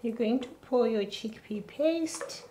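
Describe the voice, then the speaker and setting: Woman, 30s, cooking host; slow, steady instructional delivery, roomy kitchen sound. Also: on the high side, very noisy. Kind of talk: cooking demonstration to camera. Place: home kitchen, indoors.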